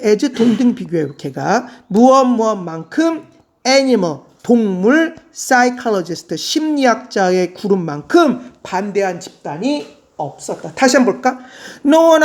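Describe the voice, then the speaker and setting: A woman teaching English to exam students, explaining a reading passage in a lively way with rhetorical questions and words read out slowly. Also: on the high side. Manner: animated, switches between polite and casual speech, asks rhetorical questions.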